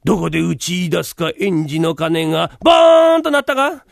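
A man voicing a polite older landlord who tells a tale slowly and dramatically, in rakugo storytelling. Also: on the high side, flat delivery, creaky, dry recording, studio quality. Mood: eerie. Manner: polite, unhurried, dramatic telling.

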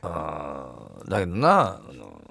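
A man's voice: rumbling low, wildly swooping pitch, takes it slowly, creaky, background noise. A middle-aged man from Hokkaido with a Hokkaido accent, hosting a radio show in casual, blunt, teasing chat and reading listener mail. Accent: Hokkaido Japanese. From Hokkaido, Japan.

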